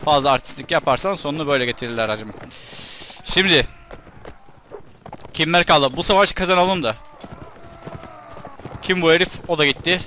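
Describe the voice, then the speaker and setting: A man doing casual let's-play commentary with a Turkish accent, excitable and shouting at enemies during battles. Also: on the high side, moderate pace, pauses often, a little hiss or hum. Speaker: gaming YouTuber.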